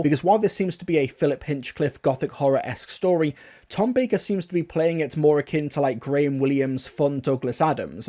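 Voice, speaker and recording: Host reviewer, male, casual and repetitive, warm mellow tone. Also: on the high side. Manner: chatty, repeats phrases like "really cool". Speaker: audio drama reviewer.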